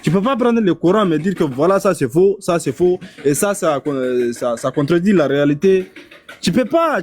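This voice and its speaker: A young man in his twenties answering back in a heated public debate, halting and defensive. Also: high-pitched, darkish tone, no echo. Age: young adult. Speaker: audience member asking questions.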